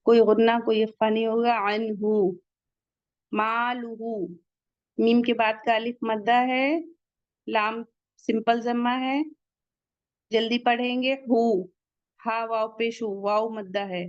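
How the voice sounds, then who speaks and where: A woman teaching the rules of Quran recitation, slowly sounding out each word and then explaining how to pronounce it. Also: a little high, level tone, dry recording, dull audio. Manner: slow, deliberate, drawn-out recitation of each word.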